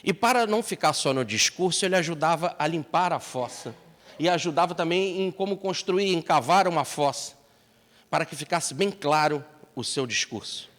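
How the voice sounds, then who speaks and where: A man lecturing at a spiritist seminar, telling a story with expressive swings of pitch. His voice sits fairly high. The hall adds a long reverb. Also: moderate pace.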